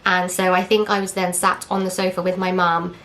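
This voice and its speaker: A woman's voice: fairly low pitch, completely flat delivery, a little fast, a bit bright. A young woman from England, candidly telling a personal story in casual chat, acting out what others said. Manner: candid, chatty, retells with quoted dialogue and fillers. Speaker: vlogger.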